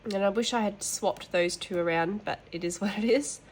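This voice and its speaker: A woman's voice: mid-range voice, normal speed, slight background noise. A woman hosting a colouring channel from home, chatting casually with rambling, apologetic asides and a nasal voice from hay fever. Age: adult, mother of boys. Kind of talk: casual show-and-tell chat.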